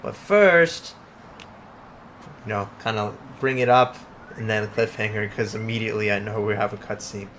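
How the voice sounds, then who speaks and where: A man's voice: fairly low pitch, level tone, fast, fairly bright tone, slight background noise. A man co-hosting a let's play, chatting casually about the game. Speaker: gaming show co-host.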